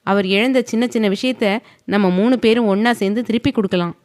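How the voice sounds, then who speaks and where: A cheeky young bride with a bright, teasing voice, played by a woman narrator. She sounds lively and a little mischievous in this storybook reading. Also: on the high side, fairly quick, no echo, lightly acted. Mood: playful.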